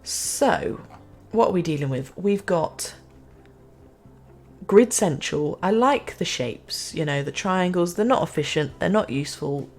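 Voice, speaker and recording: A woman's voice: fairly low pitch, expressive, a little slow. Chatty self-mocking woman. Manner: chatty, self-mocking, talks to herself and the game. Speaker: city-building game streamer. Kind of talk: casual gameplay commentary.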